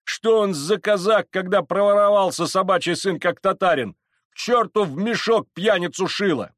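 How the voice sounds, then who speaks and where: A man voicing a rowdy, drunken crowd of male Cossacks, shouting roughly in a storybook reading. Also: high-pitched, normal speed, dry recording, studio quality, pitched above the performer's own voice. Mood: shouting angrily.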